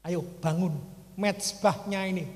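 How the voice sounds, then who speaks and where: A man's voice: high voice, steady tone, measured pace, a little mellow. A male pastor with a Javanese accent preaching a sermon, telling a story emphatically and calling out to the congregation again and again. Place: church hall before a congregation. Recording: long hall reverb.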